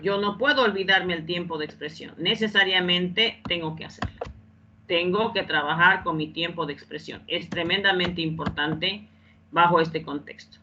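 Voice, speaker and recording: Woman teacher, bright tense voice, repeats herself and checks in often; muffled online-call audio with faint keyboard clicks behind. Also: fairly low pitch, moderate pace, slight background noise. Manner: repeats phrases, keeps checking understanding. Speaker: English teacher. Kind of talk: online class explanation.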